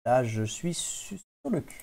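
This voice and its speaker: A man's voice: mid-range voice, very animated, measured pace, creaky, warm tone. A man hosting a casual quiz podcast who teases the players and builds mock suspense around their scores. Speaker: quiz host.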